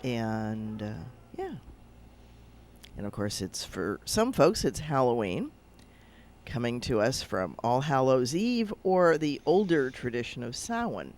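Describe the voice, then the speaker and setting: A man's voice: medium pitch, very animated, slow. Rabbi guy chatting on the radio, wanders off topic, lots of ums, plain middle voice. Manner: rambling, hesitant with many fillers. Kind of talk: casual radio chat.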